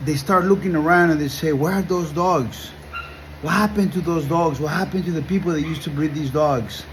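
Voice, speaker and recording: Middle-aged guy rambling on earnestly, kinda high voice, little hiss behind. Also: poor audio. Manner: earnest, rambling, repeats words while searching for them. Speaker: pit bull breeder and educator. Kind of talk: casual monologue to camera.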